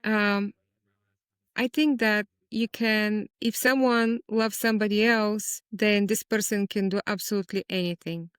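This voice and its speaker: A Bulgarian-born woman, a guest poet, talking in a reflective, measured way in an interview. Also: mid-range voice, fairly even intonation, clean tone, no room sound, clean studio sound. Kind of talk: conversational interview.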